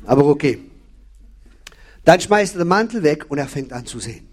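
A man's voice: fairly high pitch, expressive, normal speed. A man giving a sermon, hammering home key phrases and asking the listeners questions. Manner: emphatic, repeating key phrases, addressing the audience with questions. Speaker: preacher.

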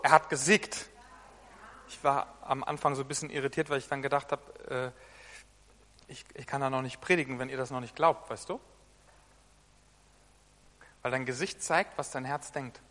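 A man preaching a sermon in a chatty way, often turning to listeners with quick questions and moving between soft asides and loud, emphatic bursts. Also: mid-range voice, steady tone. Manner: conversational, often asks listeners "weißt du?" and "ne?". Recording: long hall reverb.

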